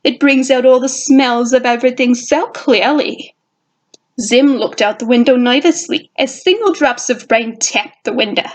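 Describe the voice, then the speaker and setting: A woman's voice: fairly high pitch, normal speed, natural voice, poor audio. A woman narrating her fan fiction in a put-on jazzy girl voice. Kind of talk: fan fiction audio reading.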